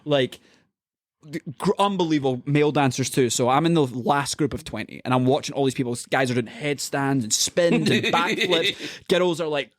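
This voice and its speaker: A Scottish man from Scotland, a podcast guest, telling stories in an animated, casual way. He swears freely and laughs often. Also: fairly high pitch, normal speed, no echo, studio quality. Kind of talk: casual storytelling.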